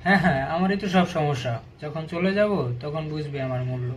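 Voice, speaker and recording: A man doing a pouty woman patient who picks fights, rapid-fire and a bit high, for a comedy sketch. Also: slight background noise, natural voice. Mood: sulky. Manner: whiny and pouting, taking offense at everything.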